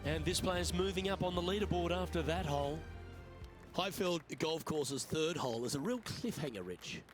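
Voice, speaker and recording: A man's voice: a little high, lively intonation, normal speed, over music. A man working as lead golf commentator in a video game, giving brief, upbeat calls on each shot. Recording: clear background noise and ambience.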